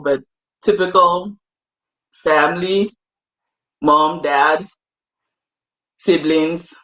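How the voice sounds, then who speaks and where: Husky young woman from Cameroon. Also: low-pitched, a bit bright, dull audio. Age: young adult. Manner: chatty, self-deprecating, laughs easily. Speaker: guest. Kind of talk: casual interview.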